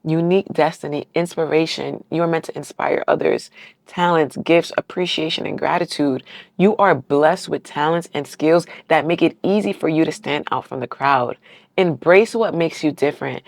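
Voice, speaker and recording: Speaking at a normal speed, a woman with a low-sitting, vocal-fry voice gives her viewers a casual group tarot reading, and there's no room sound at all. She keeps affirming and encouraging them, repeatedly asking "right?" Sometimes she gets so heartfelt she nearly cries.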